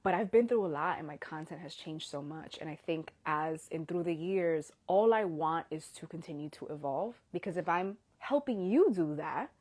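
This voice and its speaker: With a low, expressive, slightly mellow voice, a woman in her thirties talks at a moderate pace with few pauses while hosting an Instagram Live. Her casual stream talk is emotional and earnest, and when moved she drops to a whisper, holding back tears.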